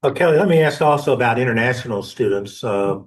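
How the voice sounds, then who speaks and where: Casual mid-pitched man on a panel. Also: animated, fast. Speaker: panel member asking questions. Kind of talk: casual questioning.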